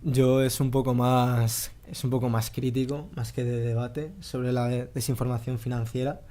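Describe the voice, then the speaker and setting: A young man from Spain speaks as a guest in a measured, slightly hesitant way. His tone is warm and mellow, at a middle pitch. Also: level tone. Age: 20s. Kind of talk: casual chat.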